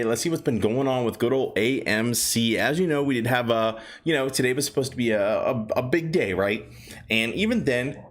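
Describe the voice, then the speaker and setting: A young man casually hosting a live stock chat, a little out of breath, rambling with restarts and reading viewer comments aloud. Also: mid-range voice. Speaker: stock vlog host.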